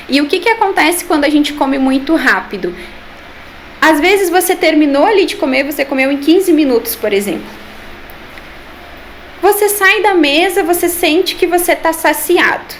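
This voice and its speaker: A woman's voice: sits high, a little hiss or hum. A Brazilian woman, a nutritionist, answering interview questions with patient explanations and rhetorical questions. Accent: Brazilian Portuguese. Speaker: nutritionist and eating therapist.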